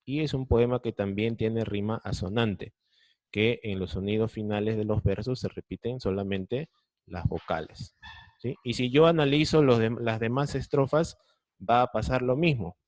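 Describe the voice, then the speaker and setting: A patient Peruvian man teaching a class over a video call, breaking each point down slowly and checking in with students. His voice sits fairly low, and the sound is dry and close, with no room echo. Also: darkish tone. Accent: Peruvian Spanish. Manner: patient, explaining step by step with frequent check-ins. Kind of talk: online class lesson.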